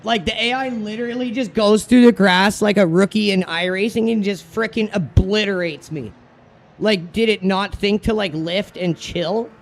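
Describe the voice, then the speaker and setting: High-voiced and at normal speed, a man streams casual video game commentary in frat-bro style, heavy on slang and cursing, often ranting in exasperation.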